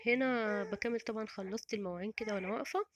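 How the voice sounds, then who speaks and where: A middle-aged woman with an Egyptian Arabic accent rambles through a casual voice-over about her home cooking, full of restarts and fillers. Her mid-range voice comes out rapid-fire over a noisy background.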